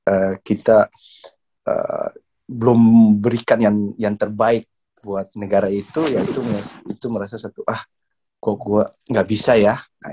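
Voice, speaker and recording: An Indonesian badminton coach in middle age tells stories in a relaxed, casual interview. Laughing often, he repeats words while searching for them, in a lowish, husky voice.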